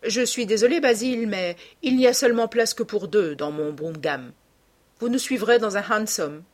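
A woman's voice: medium pitch, normal speed, darkish tone, close to an everyday voice. A woman reading the part of a passionate, earnest young man in an audiobook, with an ardent, sincere manner.

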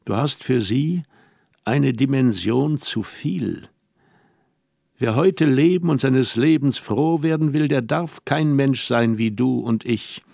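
A wise and melancholy young woman speaks earnestly, weighing each word with slow, deliberate pauses, as a male audiobook reader gives her voice. The voice has a gravelly edge and sits close and dry. It is a storybook reading. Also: mid-range voice, mellow, no room sound. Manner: measured, reflective, slow emphatic pauses.

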